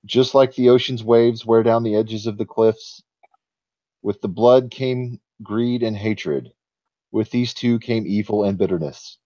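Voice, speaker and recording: A man playing an ancient, sleepy male giant who tells old legends slowly and solemnly in a tabletop game. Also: lowish voice, dark tone, dry recording, lo-fi sound, natural voice. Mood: solemn, wistful.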